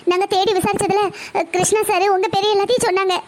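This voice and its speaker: A woman's voice: extremely high pitch, level tone, fast talker. A woman voicing a tearful, pleading cartoon mother. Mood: sorrowful. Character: worried middle-aged mother pleading for her daughter. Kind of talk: cartoon voice acting.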